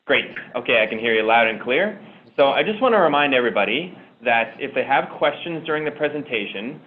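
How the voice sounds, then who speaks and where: A man's voice: medium pitch, expressive, brisk. Man hosting over a tinny line. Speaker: webinar host. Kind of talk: hosting a webinar. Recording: tinny phone-like line with faint noise.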